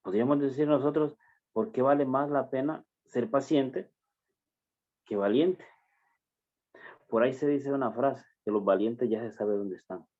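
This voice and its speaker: A man preaching a sermon, addressing the congregation as brothers and stressing phrases slowly and emphatically. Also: medium pitch. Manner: slow, emphatic preaching with drawn-out words. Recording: dull lo-fi recording.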